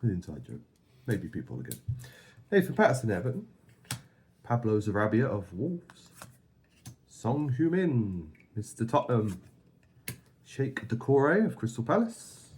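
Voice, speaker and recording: Man, lively varied intonation, playful banter, casual card-by-card commentary, co-host. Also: lowish voice, measured pace, long pauses, slight background noise. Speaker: co-host opening football card packs.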